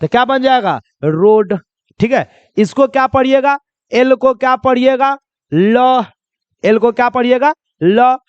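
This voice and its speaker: This man's voice is very high and clean, and he takes his time. He teaches pronunciation rules like a classroom lesson, constantly quizzing viewers with the same questions over and over and addressing them as children. The audio is dry and muffled.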